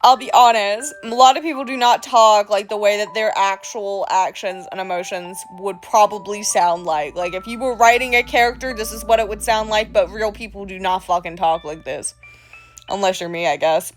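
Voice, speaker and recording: A woman's voice: medium pitch, moderate pace, few pauses. Sweary woman streamer chatting over music. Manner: rambling, animated, frank and sweary. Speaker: streamer reading and reacting to stories. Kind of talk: casual reaction commentary with asides.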